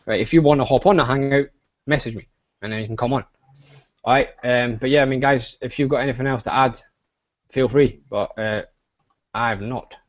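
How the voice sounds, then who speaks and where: A man's voice: mid-range voice, a little fast, long pauses, dull audio. A young Scottish man hosting an online webinar, talking in a hyped, rambling way with lots of fillers. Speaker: webinar host. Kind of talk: casual online webinar pitch. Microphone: video call.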